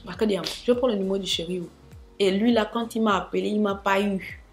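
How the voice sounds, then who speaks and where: A woman's voice: mid-range voice, steady tone, fairly quick, faint music behind. A young woman telling a dramatic storytime vlog, talking straight to her viewers with asides. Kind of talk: animated storytime monologue.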